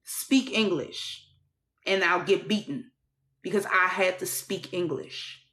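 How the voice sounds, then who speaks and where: She speaks slowly in a fairly low, pushed and bright voice, with reverberant audio. Hailing from Trinidad and Tobago but speaking with an American accent, she offers a personal testimony to camera that is blunt, candid and raw, with swearing and wry laughs.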